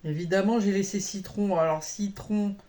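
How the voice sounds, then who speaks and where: A chatty woman, talking casually to her viewers. She rambles and corrects herself often, filling pauses with little hesitations. Her voice sits at an ordinary pitch for a woman. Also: steady tone, dark tone. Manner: chatty, rambling, many fillers and self-corrections. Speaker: cross-stitch vlogger. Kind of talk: casual chat to camera.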